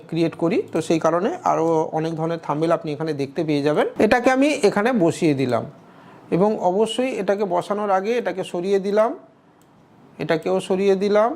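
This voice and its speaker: A woman's voice: medium pitch, darkish tone. Woman giving a step-by-step tutorial. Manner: instructive, keeps checking in with "okay?". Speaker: tutorial creator.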